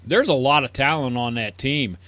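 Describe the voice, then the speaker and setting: A man's voice: mid-range voice, expressive, normal speed, fairly bright tone, dry recording. A man co-hosting a fantasy sports show in casual chat, agreeing readily and ticking off team records. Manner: agreeable, ticks off stats and records. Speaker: fantasy sports podcast co-host.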